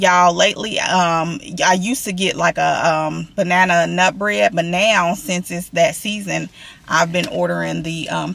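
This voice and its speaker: A woman's voice: on the low side, vocal fry, a bit bright. A woman, chatting casually to viewers from a parked car, rambling and calling them y'all. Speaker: vlogger. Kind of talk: casual vlog chat. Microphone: camera on dashboard.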